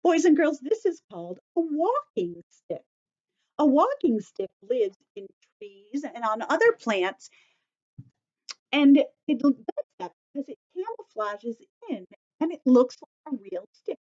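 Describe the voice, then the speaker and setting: A woman teacher leads story time for young children, using simple, deliberate phrases and repeating the key points. Her high voice is very animated, with a darkish tone, and the sound is lo-fi.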